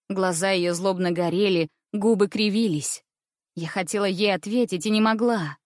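A woman narrating a children's story in an even, measured reading voice. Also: mid-range voice, no room sound, studio quality.

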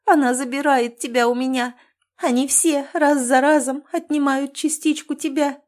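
A woman's voice: steady tone, normal speed, darkish tone, natural voice. A woman voicing a hysterical young wife who sobs and screams in a trembling voice. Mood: hysterical, crying. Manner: shrill, tearful, screaming. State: crying.

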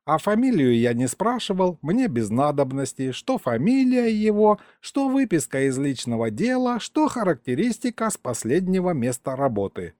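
A man's voice: fairly high pitch, big pitch swings, a little mellow, dry recording, clean studio sound, pitched above the performer's own voice. A man putting on a rambling folksy old grandpa. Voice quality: drawn-out, sing-song old-man storytelling. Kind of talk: audiobook character voice.

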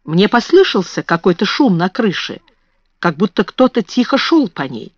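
Woman voicing a brave kind girl, earnest, a touch higher, storybook reading, dull audio. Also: big pitch swings, normal speed, no room sound. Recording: dull lo-fi recording.

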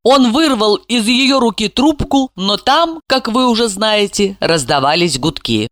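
A woman reading audiobook narration in a theatrical, expressive way. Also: on the high side, a little slow, no echo, clean studio sound.

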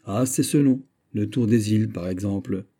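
A man's voice: on the low side, moderate pace, warm tone, lightly acted. A man narrator voicing a proud, plain-spoken Breton fisherman, in an earnest, firm manner.

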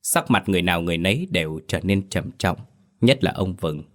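Deep-voiced male horror story narrator. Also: animated, brisk, a bit bright.

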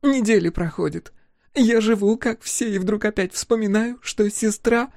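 A woman's voice: medium pitch, a little slow, darkish tone, no echo, clean studio sound, voice pushed up, close to an everyday voice. Man doing a furious young woman scientist. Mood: anguished. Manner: cutting, angry, voice breaking.

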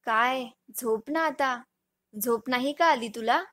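Woman reading as a lively, bossy young wife. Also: sits high, slow. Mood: soft, sleepy. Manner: scolding, bright. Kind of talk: storybook reading.

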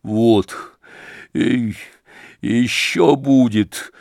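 A man's voice: sits low, creaky, dry recording, studio quality, full character voice. Man voicing a frantic, wild young merchant. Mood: reckless, rueful. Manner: shouting, excited, drawn-out pleading. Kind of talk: audiobook character reading.

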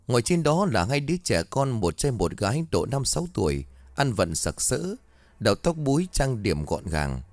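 A man narrating a horror story in a measured, dramatic scripted way. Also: medium pitch, sing-song, a little mellow, no room sound.

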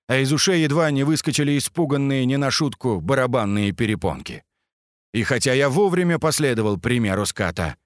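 Guy reading an audiobook, lively pitch, dry close mic. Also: dry recording. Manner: expressive first-person storytelling. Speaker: audiobook narrator. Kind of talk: audiobook narration.

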